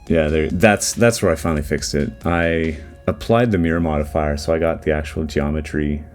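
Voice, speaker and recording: Low-voiced man talking through his 3D modeling. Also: normal speed. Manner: relaxed, rambling, with many fillers and restarts. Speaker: 3D artist giving commentary. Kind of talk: casual voice-over commentary on a modeling timelapse. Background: faint background music.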